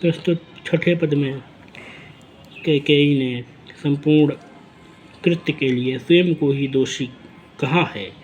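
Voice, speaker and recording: Slow-speaking male Hindi poetry teacher. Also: a little high, fairly even intonation, darkish tone, dull audio, a little hiss or hum. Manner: recites verse lines then paraphrases them slowly. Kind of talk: line-by-line poetry explanation lesson.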